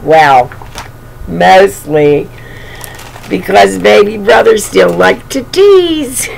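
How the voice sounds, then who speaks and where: Stretching out her words, an older woman with a mid-range, gravelly, slightly mellow voice reads a storybook expressively and chats warmly with little kids. The noisy clip comes from a webcam at arm's length in a small bedroom.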